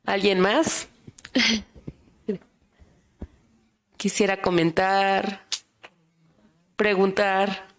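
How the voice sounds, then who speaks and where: A woman moderating a conference session, slowly inviting questions from the audience. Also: medium pitch, little pitch movement.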